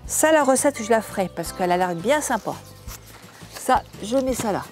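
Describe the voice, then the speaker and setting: A woman's voice: a little high, lively intonation, normal speed, darkish tone, soft background music. An older woman hosting a home cooking channel, chatting casually and homely to the camera as she unboxes food, often restarting her words.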